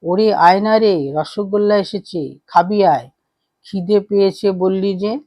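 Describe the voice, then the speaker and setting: A man's voice: high-pitched, slow, darkish tone, dry recording, heavily acted. A man reading the lines of a playful holy master calling to his young disciple.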